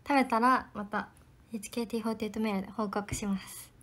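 A young woman with a voice sitting a little above the usual range chats through a casual livestream, answering viewers' comments one by one. She stays polite, with a lively, friendly tone. Every so often she drops into a soft whisper for quick asides to herself. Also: a little high, slight background noise. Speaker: idol trainee livestreamer.

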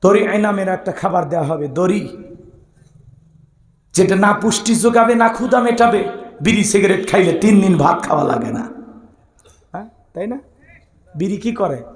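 Impassioned high-voiced preacher, echoing hall. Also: male voice, expressive, normal speed, long pauses. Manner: impassioned, alternates shouting and melodic chanting. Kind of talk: waz sermon with chanted Quran verses. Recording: roomy echoing public-address sound.

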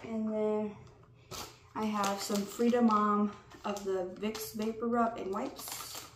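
Slow-talking young woman, roomy and distant. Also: mid-range voice, level tone. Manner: slow, unhurried show-and-tell of items. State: pregnant, a little out of breath. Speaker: vlogger. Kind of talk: casual haul vlog. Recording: roomy, off-mic with background noise.

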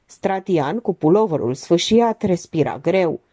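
Expressive woman audiobook narrator. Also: lowish voice, breathy edge. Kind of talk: audiobook reading.

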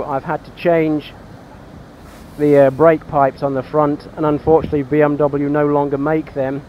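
A man casually reviewing his own motorcycle outdoors on country lanes, plain-spoken with frequent pauses. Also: a little high, dull audio, a little hiss or hum. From England. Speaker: motorcycle vlogger.

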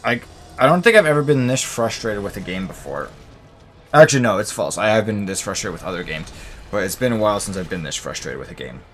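A man's voice: on the low side, very animated, fast, fairly bright tone, a little hiss or hum. Young man venting over a game. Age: young adult. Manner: venting, exasperated, rambling with many fillers. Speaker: gaming channel host. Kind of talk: let's play commentary.

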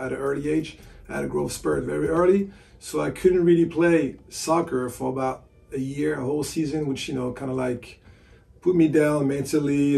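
A French sports agent and basketball analyst in his forties answers interview questions casually from a hotel room, using lots of "you know" fillers. His mid-range voice is creaky and darkish in tone, recorded from a distance.

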